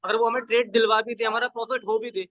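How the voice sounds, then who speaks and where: A man's voice: very high-pitched, little pitch movement, fast talker, a bit bright. A man taking part in a live trading class, eagerly agreeing and asking the teacher questions.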